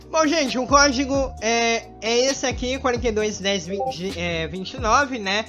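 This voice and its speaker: A man's voice: extremely high pitch, pushed and bright. A Brazilian man hosting a game, joking and teasing his viewers in playful commentary. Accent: Brazilian Portuguese. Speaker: gaming channel host. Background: music.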